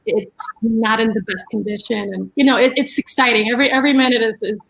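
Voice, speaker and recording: A woman's voice: a little high, fast, creaky, poor audio. A middle-aged woman from the Dominican Republic, raised in New York, chatting as a guest about her art career with lots of fillers. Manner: chatty, animated storytelling with fillers. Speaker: guest, art dealer and curator. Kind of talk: casual chat.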